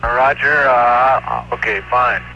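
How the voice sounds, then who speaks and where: A man speaking over a radio transmission from a spacecraft, calling mission control in calm, clipped radio procedure and repeating call signs. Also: medium pitch, slow, dull audio. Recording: noisy archival space radio.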